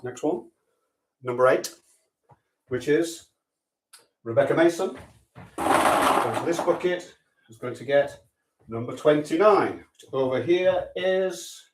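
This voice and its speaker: A man's voice: a little high, sing-song, slow, pauses often, distant mic, heavy background noise. A man hosting a sweepstake draw in a casual, chatty way with dry, offhand humour. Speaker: sweepstake host. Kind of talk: casual live draw commentary. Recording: echoey room, voice off-mic.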